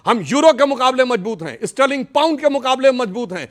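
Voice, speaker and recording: A man's voice: very high voice, lively intonation, brisk. A man arguing on a TV debate panel, mocking his opponents and reciting a couplet. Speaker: political panelist. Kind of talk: TV debate argument. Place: TV studio.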